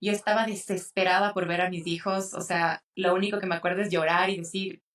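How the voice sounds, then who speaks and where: A young woman co-hosting a podcast, telling a personal birth story in an emotional, animated way. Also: on the low side, brisk, far from the mic. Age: young adult. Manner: tearful, animated retelling with acted quotes. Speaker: podcast co-host.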